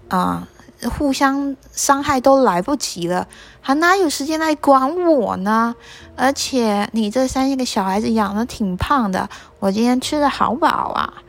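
A woman voicing a smug, greedy male python in a children's story, scornful and drawn-out. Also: on the high side.

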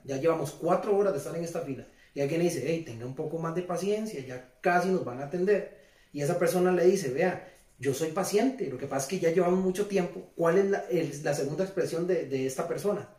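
A man delivers a conversational sermon, repeating phrases and continually putting questions to his listeners. His voice sits on the high side, a little mellow, and he speaks briskly. The recording sounds roomy, with the mic placed at a distance.

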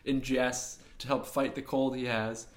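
A man's voice: mid-range voice, flat delivery, unhurried, a little hiss or hum. A man chatting casually as a co-host on a film discussion show. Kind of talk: casual chat.

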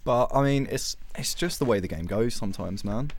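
A man's voice: mid-range voice, animated, brisk. A man in his early twenties with an Essex accent, co-hosting a podcast in casual, jokey, slangy banter. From Essex, England. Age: early 20s. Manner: laddish, slangy. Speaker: podcast co-host.

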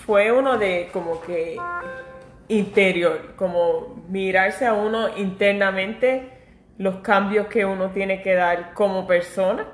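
Animated woman chatting in an echoey room. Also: medium pitch. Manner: laughing, animated storytelling, mixes in English. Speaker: podcast co-host. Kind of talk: casual chat. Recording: roomy echo.

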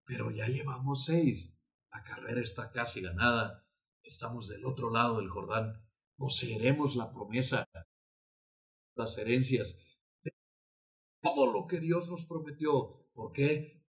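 A man preaching a sermon as pastor, emphatic and repetitive, with sudden loud outbursts. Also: medium pitch, measured pace, pauses often. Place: church altar.

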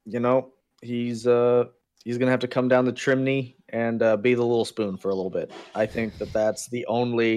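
A man with a mid-range voice chats in a loose, comedic way, often restarting his sentences as he riffs. He sounds animated and playful. The recording is dry and close, with no room echo. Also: medium pitch. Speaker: podcast co-host. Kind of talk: casual comedic chat.

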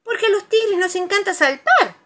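A woman's voice: very high voice, lively intonation, moderate pace, fairly bright tone, a little hiss or hum, voice pushed up. A woman voicing a friendly, eager male tiger in a children's storybook. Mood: cheerful, eager. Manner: exclamatory, eager.

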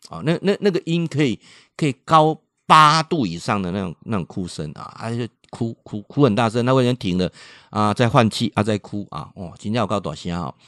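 Older Taiwanese radio host, animated storytelling, dry studio sound. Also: male voice, lowish voice, brisk, dry recording. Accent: Taiwanese Mandarin with Hokkien words. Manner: lively storytelling, repeats words, mimics voices.

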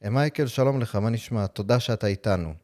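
Casting: male podcast host, lowish pitch, American English accent, halting delivery full of long hesitations. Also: a little mellow. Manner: halting, with frequent drawn-out hesitations. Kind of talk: podcast interview.

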